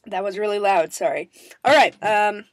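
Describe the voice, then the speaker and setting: Talking casually to camera, a vlogger responds to viewer questions in a bubbly, rambling, self-deprecating way full of ums. Strep throat has left her voice raspy and she coughs. She has a mid-range voice at a moderate pace, and the recording is dry.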